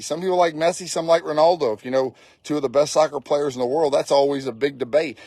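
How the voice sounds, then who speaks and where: Man, late 40s, fire service instructor giving a blunt pep talk, swears freely, mid pitch, dry close sound. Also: darkish tone, dry recording. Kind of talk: casual motivational talk.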